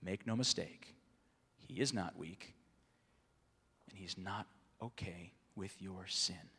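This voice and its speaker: A man's voice: low voice, slow pace, husky. Male preacher in a reverberant hall. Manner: dynamic, swings from hushed to loud emphatic. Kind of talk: sermon. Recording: long reverb of a large hall.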